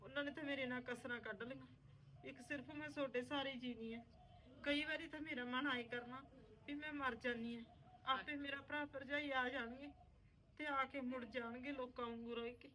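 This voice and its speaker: A woman's voice: high voice, fairly even intonation, normal speed, bright, forceful tone, slight background noise, low-quality recording. A woman playing a married aunt back from cruel in-laws, in a tearful, pleading way, in an amateur village drama. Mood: grieving. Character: grieving married woman, sister-in-law, wronged and weary. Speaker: aunt (bhua) returned from abusive in-laws.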